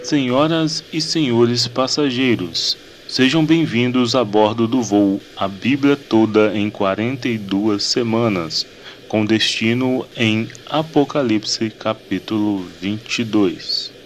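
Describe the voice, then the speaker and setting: A man's voice: on the low side, slow, a little hiss or hum. A man reading a mock airport boarding announcement in a formal announcer's cadence. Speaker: host of a Bible-reading program.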